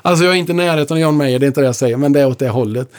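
A man working as a lecturer and musician, telling stories in a relaxed conversation with lively delivery. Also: fairly high pitch. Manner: lively, animated storyteller. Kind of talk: conversational storytelling.

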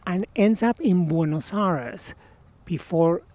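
Slow and high-voiced, an Argentine man in his sixties shares stories as a guest during an informal outdoor interview near a marina. He's animated and keeps trailing off to restart his phrases, and the recording has no echo.

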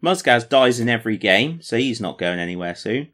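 A man's voice: mid-range voice, animated, brisk, a bit bright. A man co-hosting a casual podcast, chatting about tabletop wargames in a jokey, self-mocking, rambling way. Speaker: podcast co-host.

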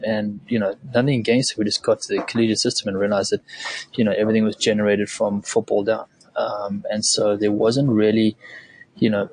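Low, flat-voiced man from South Africa. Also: no echo. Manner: hesitant, many ums and restarts. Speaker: guest, former Olympic swimmer. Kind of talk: conversational interview.

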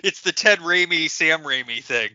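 A man co-hosts a podcast, chatting eagerly about a movie in a casual review, his voice on the high side and expressive at a moderate pace. He stammers into restarts and says "like" a lot. The dry, dull lo-fi podcast audio carries some background noise.

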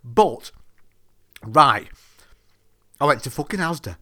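A man's voice: mid-range voice, lively intonation, slow pace, bright, forceful tone. A man telling a profane, exasperated story as a ranting monologue. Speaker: podcaster.

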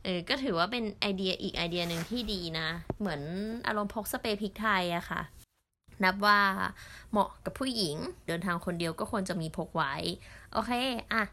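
A young woman from Thailand, an au pair, telling stories in a chatty vlog with many fillers and pauses. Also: mid-range voice, pushed and bright, a little hiss or hum. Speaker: au pair vlogger. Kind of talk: casual storytelling vlog.

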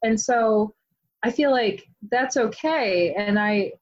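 A woman author being interviewed, talking in a chatty, animated way with many "like" fillers. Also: fairly high pitch, slow pace, lo-fi sound. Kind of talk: casual interview chat.

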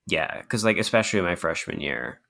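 A man's voice: sits low, animated, fairly quick, gravelly, bright, forceful tone. A man in his twenties chatting casually as a podcast co-host, joking and self-deprecating, with the cave-like echo of a bare room. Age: 20s. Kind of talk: casual chat.

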